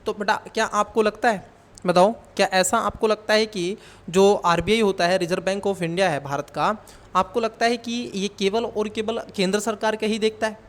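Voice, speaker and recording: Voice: medium pitch, fairly even intonation, moderate pace. A coaching teacher explaining exam questions, who calls the students child and asks and answers their own questions.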